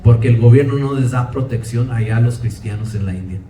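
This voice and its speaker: Preacher, dark and roomy. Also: male voice, mid-range voice, fairly quick, slight background noise. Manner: preaching with repetition, switching between Spanish and English. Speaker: pastor. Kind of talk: bilingual sermon. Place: church sanctuary. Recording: roomy church sound from a distance.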